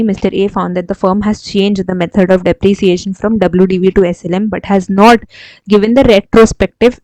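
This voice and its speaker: A woman with an Indian accent solving exam questions aloud as a teacher, reading options slowly in English and explaining quickly in Hindi. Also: medium pitch, dark tone, dry recording, low-quality recording.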